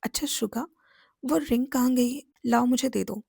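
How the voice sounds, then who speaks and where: Flustered young guy, fry in the voice, dark tone , woman doing his lines. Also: fairly high pitch, a little slow, no room sound, clean studio sound, full character voice. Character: fretful young man Jimin, groom's friend.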